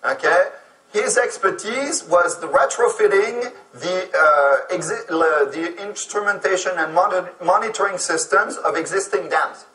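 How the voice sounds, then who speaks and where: High bright man lecturing in an echoey room. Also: normal speed, distant mic. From France. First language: French. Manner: explanatory, keeps asking "okay?". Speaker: speaker on immigrant employment. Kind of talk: lecture to an audience.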